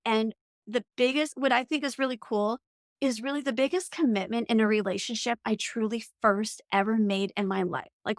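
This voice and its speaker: Woman, forties, podcast guest, earnest reflective storyteller, mid pitch, frequent "like" fillers, dry close recording. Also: creaky, dry recording. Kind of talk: conversational storytelling.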